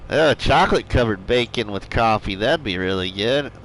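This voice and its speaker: A man's voice: on the low side, lively intonation, moderate pace, a bit bright, a little hiss or hum, poor audio. A middle-aged man streaming a farming game live, chatting and joking with viewers and laughing often. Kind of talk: live gameplay chat with viewers.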